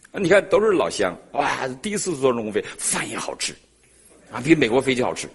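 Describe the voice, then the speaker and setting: A middle-aged man preaching and telling a personal story in an animated way, laughing often. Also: mid-range voice, breathy edge. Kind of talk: sermon testimony storytelling.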